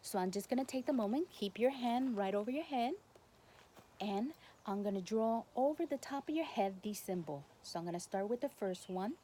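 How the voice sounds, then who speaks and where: Spanish accent lady walking you through a reiki thing, halting short phrases, bit of noise behind her. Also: fairly high pitch, lively intonation, dark tone. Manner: halting delivery in short phrases, non-native grammar. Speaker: Reiki healer and instructor. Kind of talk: guided spiritual instruction to camera. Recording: noticeable background noise.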